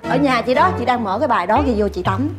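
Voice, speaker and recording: A woman's voice: fairly high pitch, expressive, fast, natural voice. A woman playing a bossy, scornful boss at a music station in a stage comedy sketch, talking bluntly and mockingly.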